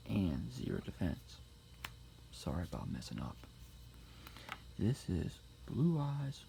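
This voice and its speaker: A man speaking very quietly, sometimes whispering, close to the ear in an ASMR style, reading things out slowly. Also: fairly low pitch, gravelly, a little hiss or hum. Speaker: ASMR card collector showing a deck. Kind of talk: quiet ASMR talk, soft-spoken to whispered. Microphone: close-up ASMR mic.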